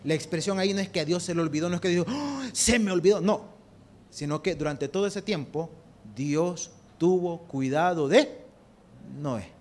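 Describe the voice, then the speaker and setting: A man's voice: fairly high pitch, moderate pace, darkish tone. A man with a Salvadoran accent preaching a sermon, putting rhetorical questions to the congregation and using homely examples. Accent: Salvadoran Spanish. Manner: rhetorical questions to the congregation, calling them brother.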